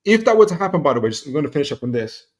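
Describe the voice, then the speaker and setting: A man's voice: on the high side, big pitch swings, very fast. A man hosting a football talk show, upbeat, summing up the episode and laughing along with his guest. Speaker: host. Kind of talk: podcast hosting and football chat.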